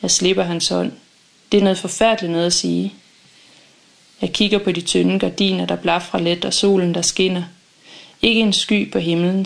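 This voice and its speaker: A woman reading a first-person audiobook in a calm, measured, intimate way. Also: on the low side, creaky. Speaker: audiobook narrator.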